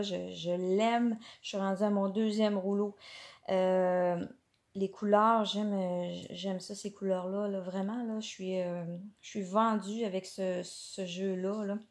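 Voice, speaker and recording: A woman's voice: medium pitch, darkish tone. A woman with a Quebec French accent giving a live card-making tutorial, chatty and hesitant, with many fillers and self-corrections.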